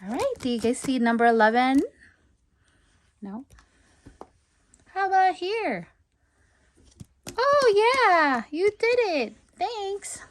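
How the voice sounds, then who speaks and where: At home, a woman hosts a children's storytime, reading a picture book aloud. She speaks slowly in a high voice with frequent pauses, using an animated, sing-song style aimed at young children.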